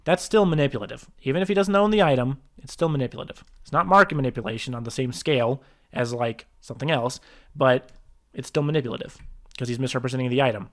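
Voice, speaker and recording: A man's voice: medium pitch, fast talker. A man reacting to a video about himself, rebutting it point by point in a defensive, exasperated way and often restarting his sentences. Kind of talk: reaction commentary.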